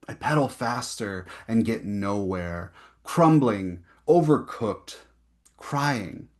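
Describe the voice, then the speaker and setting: A young man reads his own poems aloud at a poetry event, giving repeated lines slow, rising emphasis. Between the poems he chats casually and leans on fillers. His voice sits at an ordinary middle pitch. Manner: chatty, filler-heavy asides between poems. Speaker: poet reading his work. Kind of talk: poetry reading with casual asides.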